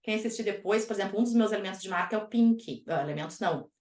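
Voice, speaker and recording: A woman hosting a podcast, chatting casually with an energetic, emphatic delivery. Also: mid-range voice, very fast. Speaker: podcast host. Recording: echoey room.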